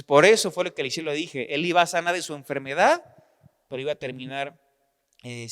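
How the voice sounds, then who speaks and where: A man with a Mexican Spanish accent preaching a sermon, telling the story in an animated way and acting out the dialogue. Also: fairly high pitch, clean tone. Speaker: pastor. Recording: long hall reverb.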